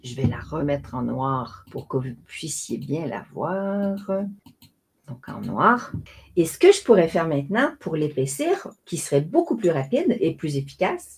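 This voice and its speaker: A woman, explaining a design software tutorial step by step in a chatty way. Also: sits low, breathy edge. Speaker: craft software tutorial host. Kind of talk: screen-recorded tutorial narration.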